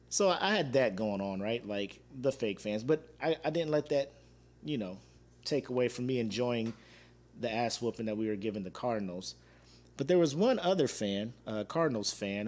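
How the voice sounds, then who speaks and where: A man hosting his own show, chatting casually and telling an animated story full of slang and laughter. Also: mid-range voice. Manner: waves at viewers watching live. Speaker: podcast host. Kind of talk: casual solo chat.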